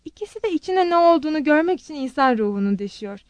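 A woman reading the lines of a witty, playful young woman who speaks in a lively, teasing way. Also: sits high, fast, no room sound, pitched above the performer's own voice. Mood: thoughtful.

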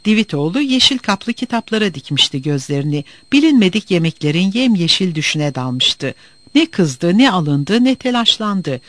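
A man narrating a story with an expressive, dramatic reading. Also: high voice, normal speed.

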